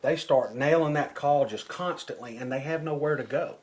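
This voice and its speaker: Mid-pitched man giving informal instruction. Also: normal speed, darkish tone. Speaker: duck-calling instructor.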